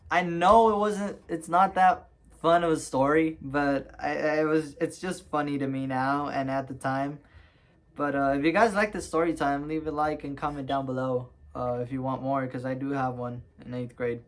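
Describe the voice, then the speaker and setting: A man's voice: a little high, fairly even intonation, normal speed. A young man telling a story to camera in a casual, rambling way, with lots of ums and restarts. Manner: rambling, lots of fillers and restarts, laughs at himself.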